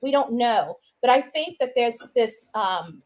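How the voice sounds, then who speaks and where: On the high side and a little mellow, this expressive woman takes her time. She rambles through a casual, opinionated talk, repeating herself and saying "you know" and "right" frequently.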